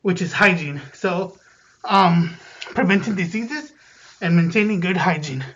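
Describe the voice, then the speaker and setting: A man's voice: sits high, a little slow, fairly bright tone. A man co-hosting a casual school live stream, speaking hesitantly with many ums. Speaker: co-host. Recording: dull, muffled sound.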